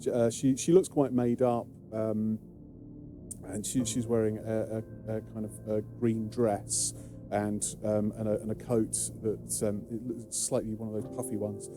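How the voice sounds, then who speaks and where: A man's voice: lowish voice, flat delivery, unhurried, over music. A man with a British accent narrating a tabletop game as game master, hesitant with many fillers. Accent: British English. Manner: hesitant, many ums and restarts.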